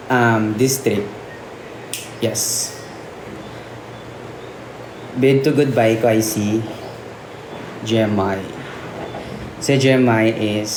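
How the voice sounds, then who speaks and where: A man nominating housemates, direct with some stumbling restarts. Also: fairly low pitch. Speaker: reality show housemate. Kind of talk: nomination confessional. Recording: echoey room with steady noise.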